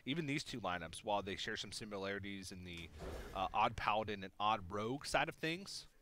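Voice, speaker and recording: A man's voice: on the low side, expressive, a little fast, sharp tone, a little hiss or hum. A young man casting a collegiate card game tournament, with playful, chatty banter between matches. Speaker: esports caster. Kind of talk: tournament commentary.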